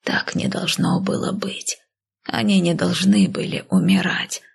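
A woman's voice: low-pitched, lively intonation, gravelly, slightly rough, exaggerated voice. A woman voicing a frail, weary old nanny. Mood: sorrowful. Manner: slow, hushed, half-whispered sighing. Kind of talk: audiobook character voice.

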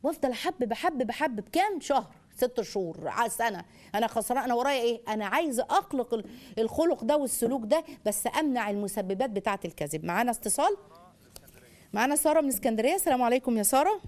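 An Egyptian woman with a high voice hosts a call-in parenting show. She talks very fast and turns animated and sing-song when she models phrases for children. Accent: Egyptian Arabic. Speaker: parenting educator and radio show host. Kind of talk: call-in advice talk.

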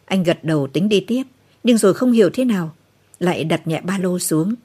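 Brief: a late-night novel reader with a somber delivery, low and dark, a bit husky. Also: female voice, lively intonation, normal speed. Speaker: narrator.

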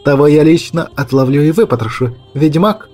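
A man's voice: on the high side, expressive, moderate pace, darkish tone, soft background music. A man doing a sneering cruel huntress. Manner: sneering, hissing, mocking. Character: cruel, scornful female bandit huntress leader. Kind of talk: audiobook character voice.

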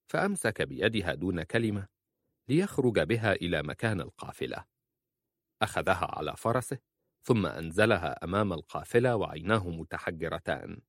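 A man narrating a story as an audiobook, in a measured, even storytelling manner. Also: deep voice, no room sound, studio quality.

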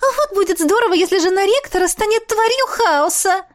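A woman voicing a spiteful ghost girl in an audiobook, with a squeaky sing-song voice and slow, taunting delivery. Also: animated, dry recording, clean studio sound. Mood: gloating. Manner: taunting, slow drawn-out singing. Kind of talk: audiobook character voice.

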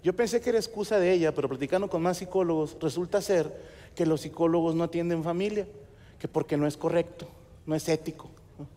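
A Mexican man doing a stand-up comedy set on a theater stage, with crude slang and quick acted-out voices. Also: fairly high pitch, dark tone, in a large hall. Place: large theater stage, live audience.

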